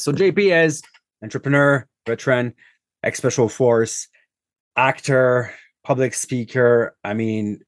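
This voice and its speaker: Guy hosting a podcast, chatty and stumbly, dry close sound, middle pitch. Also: no room sound. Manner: chatty, restarts and stumbles, upbeat. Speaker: podcast host. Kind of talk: casual interview hosting.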